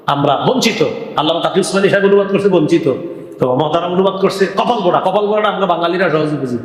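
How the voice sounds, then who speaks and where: A man preaching a waz sermon. He chants Arabic verses, explains them in lively everyday speech and acts out the people in the story. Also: high voice, fast. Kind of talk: Bangla waz sermon with Quranic recitation. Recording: echoey hall with long reverb.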